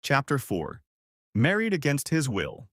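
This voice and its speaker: A man narrating a romance story in an expressive, lively storybook style. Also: mid-range voice, unhurried, no room sound, studio quality.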